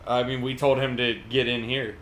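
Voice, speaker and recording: A man's voice: mid-range voice, flat delivery, moderate pace, crowd noise. A man co-hosting a casual group livestream chat, joking and laughing often. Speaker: livestream co-host.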